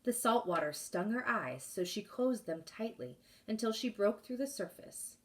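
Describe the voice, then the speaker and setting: A woman teacher reading a chapter book aloud to her class, expressive and pausing to ask questions. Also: medium pitch, distant mic.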